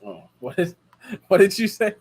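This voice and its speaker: With a high-pitched, sing-song voice that's a little mellow and breathy, an American man in his thirties answers viewers' questions at a moderate pace. He hosts a car rental channel, and his casual live chat rambles with lots of fillers and restarts.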